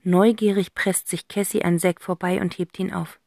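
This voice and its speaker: A woman narrating a children's audiobook in a lively, expressive way. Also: fairly low pitch, normal speed, gravelly, no room sound, studio quality. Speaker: audiobook reader.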